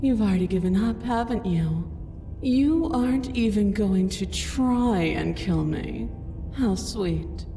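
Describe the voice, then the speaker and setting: An actress voicing a towering, imperious princess whose magically amplified voice booms as she speaks slowly and commands with condescension. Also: expressive, mellow. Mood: condescending. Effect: magically amplified booming voice. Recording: echoing hall from a distance, faint music.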